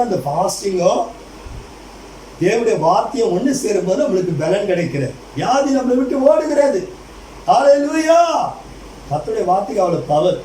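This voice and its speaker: A man's voice: high voice, warm tone, roomy sound, recorded from a distance, slight background noise, low-quality recording. A male pastor preaching a fervent sermon, putting rhetorical questions to the congregation and addressing them directly again and again.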